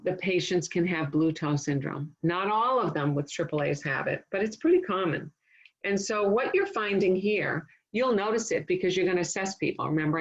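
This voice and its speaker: A woman's voice: fairly low pitch, muffled recording. A woman nursing instructor giving a casual, conversational classroom lecture, explaining with everyday analogies and stories.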